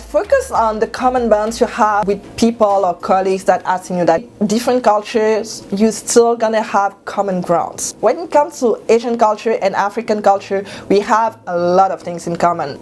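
A young woman from Cameroon giving motivational advice to camera in her bedroom, talking animatedly and jumping up in pitch for emphasis. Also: a little hiss or hum. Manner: animated, gestures a lot, jumps up in pitch for emphasis. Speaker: vlogger. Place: bedroom at home, indoors. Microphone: clip-on lapel mic.

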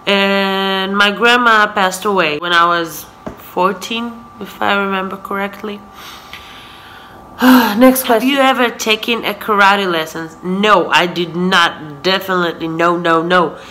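At a measured pace and medium pitch, her bright, forceful voice comes through a rough recording with slight background noise. This Israeli vlogger in her twenties, whose native tongue is Hebrew, runs a casual Q&A from her indoor sofa, often laughing and saying "so yeah," on a camera placed close in front.

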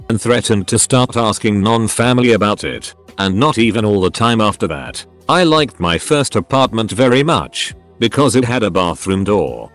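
A man narrating a string of online stories in a steady read-aloud manner, as a voice-over. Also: fairly low pitch.

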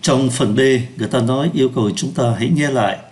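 A man teaching French pronunciation in Vietnamese, slowing down to sound out French words. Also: mid-range voice, darkish tone. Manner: slows down to pronounce French words. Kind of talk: lesson explaining pronunciation.

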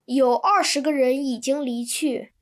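High-pitched lady reading lesson translations, clear and steady. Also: unhurried. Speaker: Chinese translation reader. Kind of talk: scripted textbook translation reading.

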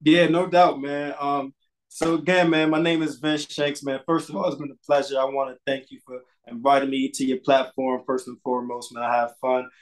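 A man's voice: medium pitch, little pitch movement, normal speed, poor audio. A man in his thirties from Connecticut, a barber talking loosely on a video call in his shop, swearing casually and repeating words. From Bridgeport, Connecticut. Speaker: barber, podcast guest. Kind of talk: casual interview chat. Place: small barbershop indoors.

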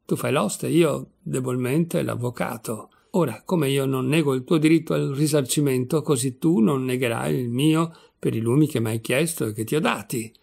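A man voicing a placid, pompous old lawyer who lectures calmly and keeps calling others "my son", in a gravelly voice. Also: medium pitch, moderate pace, few pauses. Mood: smug lecturing.

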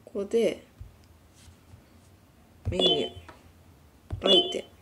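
A woman's voice: fairly low pitch, takes it slowly, heavy background noise. A young woman with a Kansai accent doing casual horror game commentary, reading on-screen text aloud and talking to herself. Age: young adult. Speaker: gaming show host.

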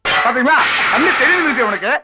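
An actor playing an older relative in a film comedy, talking in a pleading, whiny way. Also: male voice, extremely high pitch, lively intonation, quick pace, loud music behind the voice. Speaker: old relative in a film scene. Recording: dull lo-fi film soundtrack.

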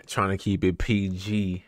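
A young man streaming a horror game, talking in a relaxed, slangy hype style and repeating his phrases. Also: low voice, slow, dry recording, clean studio sound. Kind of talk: casual live gameplay commentary.

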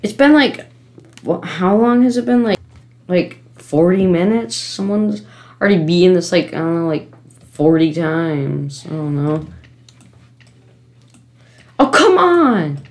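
A woman giving let's-play commentary from her home computer setup, frustrated, pleading with the game and breaking into sudden gasps and yells. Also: lowish voice, steady tone, unhurried. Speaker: gamer.

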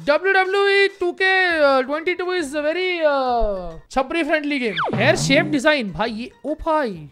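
A young man giving casual, joking gameplay commentary as a gaming YouTuber, excitable and repeating phrases in quick bursts. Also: very high-pitched.

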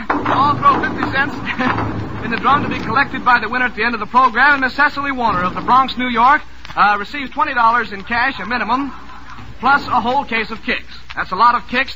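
On a noisy old 1940s radio broadcast, a quiz show host reads listeners' music questions in a jovial, teasing manner. He has a very high voice, and the audio sounds dull.

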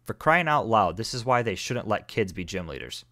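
A bossy, exasperated young woman gym leader, voiced by a man reading game text. She snaps orders and loses patience quickly. The voice is low and close to a dry mic. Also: sing-song, fairly bright tone, no echo. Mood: impatient.

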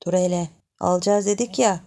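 A jealous young village man scolds and demands in a gruff, rough manner, voiced by a woman reader. His lines come out gravelly and dark, pushed a little louder than the surrounding narration. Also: lowish voice, a little fast, natural voice. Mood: demanding.

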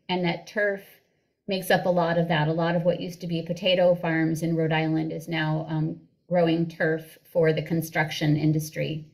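A woman's voice: fairly low pitch, creaky, a little mellow. Middle-aged woman moderating a video call. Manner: reads out audience questions. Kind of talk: panel moderation.

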